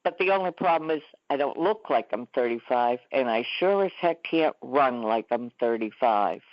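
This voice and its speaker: A woman's voice: a bass voice, animated, moderate pace, dry recording, muffled recording. A woman in her seventies, a talk show guest telling stories in a chatty way. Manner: chatty, storytelling. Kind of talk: interview conversation. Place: Florida.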